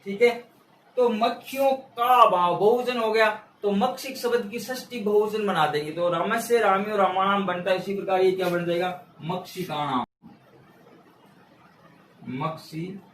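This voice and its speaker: High-voiced man teaching in an echoey room. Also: moderate pace, a bit bright, slight background noise. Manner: asks questions and answers them himself, repeats key words; patient, step-by-step explaining. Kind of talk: exam-prep grammar lesson. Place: room with a board he writes on. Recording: echoey room, mic far off.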